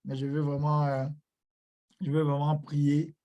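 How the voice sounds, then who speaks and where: Male preacher for an online conference; level, monotone delivery, a touch high, hesitant and repetitive. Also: unhurried, muffled recording. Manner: frequent hesitations and fillers; repeats blessings and greetings. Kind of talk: online church conference talk.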